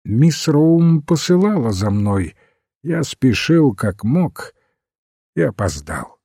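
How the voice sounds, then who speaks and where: A man reading the part of a mild priest who answers sadly and quietly. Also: mid-range voice, very animated, slow, breathy edge, no echo, clean studio sound, voice pushed up, exaggerated voice. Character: mild, sorrowful little priest.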